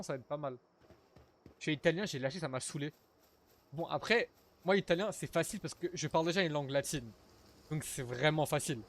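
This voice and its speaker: A young man streaming a survival game, chatting casually with his viewers and swearing now and then as he plays. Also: on the high side. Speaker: gaming streamer. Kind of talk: casual live gameplay commentary.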